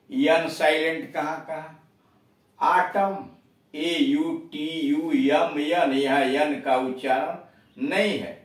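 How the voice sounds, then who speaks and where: A man teaching an English lesson, spelling out each word letter by letter and then giving its meaning. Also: fairly high pitch. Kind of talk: spoken language lesson. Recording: echoey room from far off.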